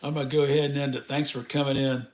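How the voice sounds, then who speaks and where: A man's voice: mid-range voice, little pitch movement, very fast, echoey room, a little hiss or hum. A man hosting a casual live stream, chatting in a folksy way with the viewers and laughing often.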